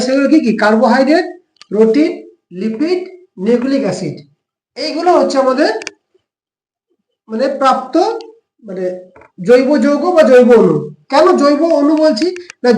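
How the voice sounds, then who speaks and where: High-voiced tutor with a West Bengal accent. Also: male voice, a little mellow, echoey room, poor audio. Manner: explains step by step with frequent rhetorical questions. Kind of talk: classroom lesson explanation.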